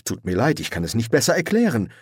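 A man voicing a gentle, fussy male angel in an audiobook, prim and earnest, with his voice slightly raised. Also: mid-range voice, wildly swooping pitch, fast, breathy edge, no echo, studio quality. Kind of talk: audiobook character voice.

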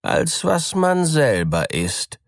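A man's voice: a little high, very animated, slow, dry recording, clean studio sound, voice pushed up, exaggerated voice. A man voicing a greedy, sly female cat in a fairy tale, with a smug, sweet-talking manner.

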